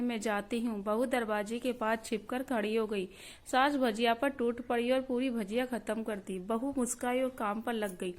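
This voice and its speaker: A woman narrating a family story in a steady, scripted storytelling voice. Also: on the high side.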